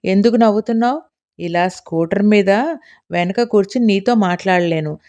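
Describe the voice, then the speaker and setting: A woman's voice: mid-range voice, moderate pace, mellow, close to an everyday voice. A woman narrator voicing a teasing, playful young woman in an audiobook story. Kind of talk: audiobook character reading.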